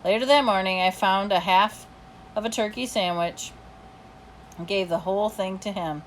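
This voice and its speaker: A woman's voice: mid-range voice, moderate pace, slight background noise. A woman reading a children's novel aloud, narrating chattily and expressively in the first person as a dog. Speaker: reader.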